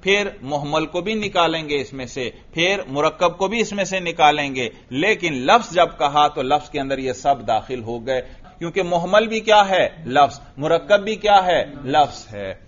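A male teacher giving a classroom lecture, who reads Arabic lines slowly, explains them and asks his students questions that he then answers himself. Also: on the high side, expressive, fairly bright tone. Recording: dull lo-fi recording.

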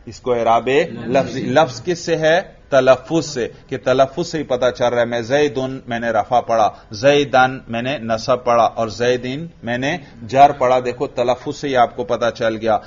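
A male teacher gives a classroom grammar lesson. He asks the class questions and answers them himself, and repeats key terms slowly. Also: mid-range voice, fairly even intonation. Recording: dull lo-fi recording.

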